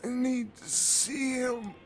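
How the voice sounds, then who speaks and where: A man voicing a meek, dazed injured man who speaks quietly in a raised voice. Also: very high-pitched, steady tone, slow, soft background music, pitched above the performer's own voice, heavily acted.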